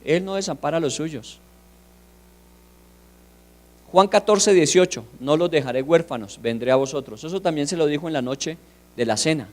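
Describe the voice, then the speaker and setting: Emphatic pastor, high-pitched man. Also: fairly quick. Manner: emphatic, rhetorical questions, swings from hushed to loud. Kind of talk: sermon.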